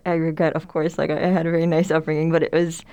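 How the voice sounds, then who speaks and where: A young woman from Somalia, president of a student club, guests on a podcast, talking casually and at length in a room with others. Her voice is low, clear, and resonant, and she speaks at a quick pace. She's relaxed and friendly, explaining things with plenty of fillers.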